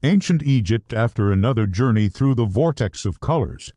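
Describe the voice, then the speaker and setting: A man reads a children's adventure tale aloud, his pitch climbing and falling with animated storybook energy. His voice sits at an ordinary middle pitch. The recording is close and dry, with no room sound. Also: moderate pace, no room sound. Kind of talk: scripted children's story narration.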